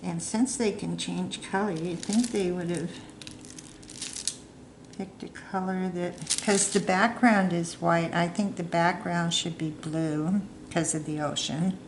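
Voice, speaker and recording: Slow, rambling woman chatting while crafting. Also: fairly low pitch, steady tone. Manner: rambling, chatty, self-deprecating. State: hiccups. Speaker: crafting vlogger. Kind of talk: casual chat while crafting. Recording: echoey room with clear background noise.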